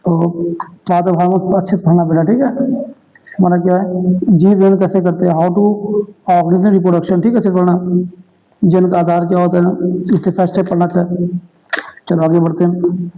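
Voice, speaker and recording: A man's voice: sits high, little pitch movement, moderate pace, long pauses, lo-fi sound. A male tutor from North India giving an informal exam revision lesson in Hindi, keeps repeating "okay" and urging students to read things well.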